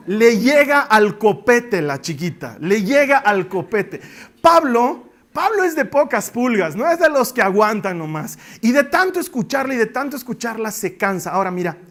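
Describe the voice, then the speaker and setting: A Bolivian-accented man preaches a sermon in a high voice. He retells the story with humor. He often turns to his listeners with playful asides. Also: fairly bright tone. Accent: Bolivian Spanish.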